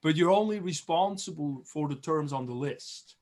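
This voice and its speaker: A Swiss biology teacher leads a class review over a video call. His voice is a little high for a man and a little mellow. He's chatty and encouraging, and he says terms slowly and repeats them.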